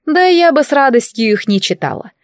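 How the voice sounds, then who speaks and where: A woman's voice: sits high, very animated, fairly quick, no echo, studio quality, voice pushed up. A woman voicing an ancient, sarcastic female fish familiar with a haughty manner in a storybook reading.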